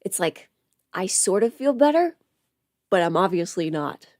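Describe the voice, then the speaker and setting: A woman speaks unhurriedly but very animatedly, her fairly low voice a little mellow, in a studio-quality recording free of room sound. Sick with covid at home, she hosts a livestream as an audio creator, rambling casually, thinking out loud and interrupting herself.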